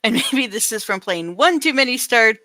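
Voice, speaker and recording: A woman's voice: on the high side, animated, moderate pace, pushed and bright, no echo. A woman co-hosting a podcast, chatting casually and thinking aloud with fillers. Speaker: podcast co-host. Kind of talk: casual chat.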